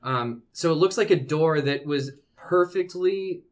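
A man narrating a tabletop game as game master, improvising descriptions and pausing to find his words. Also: fairly high pitch.

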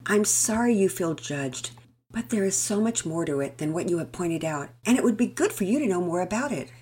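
A woman voicing a gentle, patient mother who speaks in a soft, polite, measured way. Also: lowish voice, animated, breathy edge. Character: gentle, patient mother, calm under pressure.

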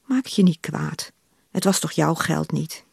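A woman reading aloud, voicing an older, worldly woman who speaks in a calm, matter-of-fact way, recorded on a close studio microphone. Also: deep voice, a little slow, vocal fry, husky, dry recording, full character voice. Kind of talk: literary reading.

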